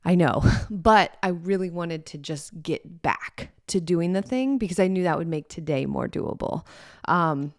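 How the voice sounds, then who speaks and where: A woman in her thirties with a low, hoarse voice gives a chatty morning talk. Her voice is rough and scratchy from a sore throat, and she rambles in a friendly, upbeat way. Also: lively intonation, unhurried. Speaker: podcast host and fitness coach. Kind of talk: casual morning chat.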